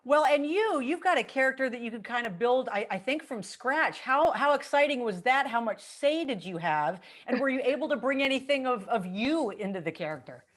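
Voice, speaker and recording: A woman interviewing film cast members at a press junket, with an upbeat, gushing delivery. Her voice sits a little higher than most women's. She laughs readily between questions. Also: expressive, a little fast, hardly any pauses. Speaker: entertainment interviewer.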